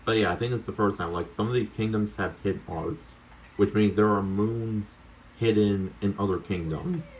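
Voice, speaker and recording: Deep-voiced man chatting through a game, noisy background. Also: steady tone, moderate pace. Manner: chatty, rambling, talks to viewers; casually sweary. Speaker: video game streamer. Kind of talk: casual gameplay commentary.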